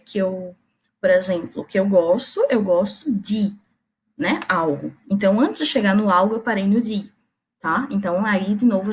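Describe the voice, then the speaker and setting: A Brazilian woman teaching Portuguese grammar in a recorded lesson, explaining step by step, checking in with her students and making small playful jokes. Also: mid-range voice. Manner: chatty and playful, makes small jokes and slips.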